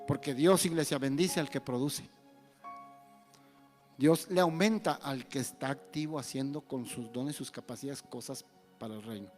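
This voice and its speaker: A male pastor preaches with lively swings, dropping low and earnest for the points he presses, then rising high to act out the people he quotes. His voice sits at a middling pitch, with faint music playing underneath. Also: moderate pace. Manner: animated preaching, acts out the quoted speakers. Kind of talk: sermon.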